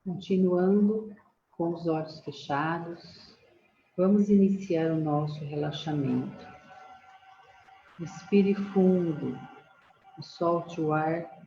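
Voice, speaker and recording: A woman leading a guided relaxation and prayer, giving slow, soothing breathing instructions. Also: fairly low pitch, mellow. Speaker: meditation guide. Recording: roomy, slightly dull audio with faint noise.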